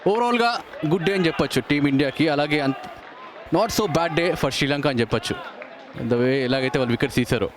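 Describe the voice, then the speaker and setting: A man's voice: fairly high pitch, lively intonation, fast, crowd noise. A man with an Indian accent, a co-commentator giving Telugu cricket analysis mixed with English. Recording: live broadcast with clear stadium noise.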